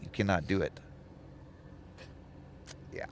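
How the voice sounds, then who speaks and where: A man's voice: takes it slowly, a little hiss or hum. A man hosting a casual livestream, chatty and laughing often as he reads viewer comments aloud. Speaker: livestream host and truck driver trainer.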